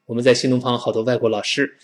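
A man with a mid-range voice teaches English pronunciation in an animated, playful style. He draws words out slowly for learners to repeat and acts out the example sounds.

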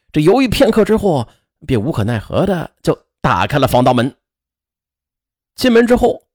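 A man telling a true-crime story in a lively way, full of spoken fillers. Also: a little high, dry recording, clean studio sound.

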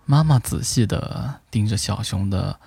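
A man narrating a bedtime story in a gentle, unhurried way, lightly voicing the animal characters. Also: on the low side, gravelly, husky, no echo. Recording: soft music behind the voice. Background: soft instrumental music.

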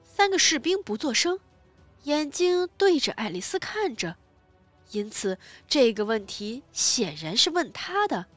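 Slow, expressive woman reading a storybook. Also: sits high, dry recording, faint music behind. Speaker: narrator.

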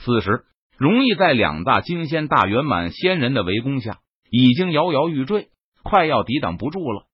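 A man's voice: medium pitch, big pitch swings, moderate pace, slightly rough, no echo, highs cut off. A man narrating a martial fantasy novel as scripted audiobook storytelling, lightly voicing the characters in a dramatic way.

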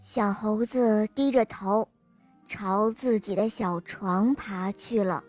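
Slow gentle woman storyteller. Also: mid-range voice, soft background music. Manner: slow, gentle, sing-song. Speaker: children's bedtime storyteller. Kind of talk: scripted story narration.

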